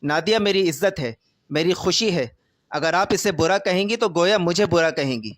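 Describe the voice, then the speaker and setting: Earnest devoted young husband, firm, high-pitched voice, dry sound, played by a male narrator. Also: a bit bright, no room sound.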